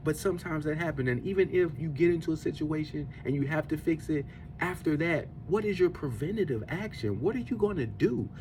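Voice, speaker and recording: His voice is a little high, with lively intonation and a fairly quick pace, and there's noise in the background. He's a podcast host in his forties whose faith-driven motivational monologue on discipline and eating comes across as earnest and preachy, revisiting the same points repeatedly.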